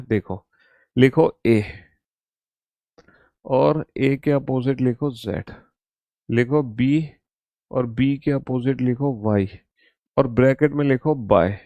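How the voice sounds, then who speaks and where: In an online exam-prep reasoning class, a man dictates slowly to his students and repeats each instruction. His voice is mid-range with a darkish tone, and there's no echo.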